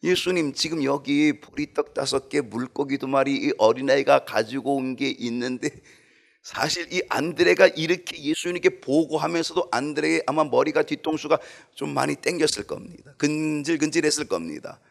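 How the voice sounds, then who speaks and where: Animated gravelly-voiced male pastor. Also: on the high side. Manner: animated preaching, quick swings from loud to hushed. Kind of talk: sermon. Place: church sanctuary.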